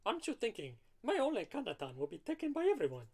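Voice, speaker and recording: A man voicing an excitable young man in a cartoonish, put-on Italian accent while reading a game's lines. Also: very high voice, fast talker, pitched above the performer's own voice, heavily acted. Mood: teasing.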